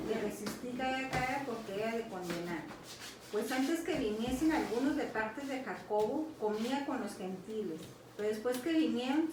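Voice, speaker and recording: Woman reading scripture out loud, steady, fairly high voice, far off in a really echoey noisy room. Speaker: scripture reader.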